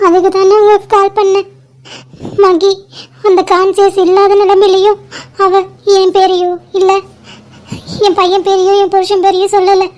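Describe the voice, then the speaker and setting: A sobbing cartoon aunt begging for help, played by a woman. Her voice is very high and thin and barely moves in melody. She keeps pleading through tears. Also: flat delivery, normal speed, long pauses, a little mellow. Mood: tearful. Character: distraught aunt pleading over the phone, tearful. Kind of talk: cartoon voice acting.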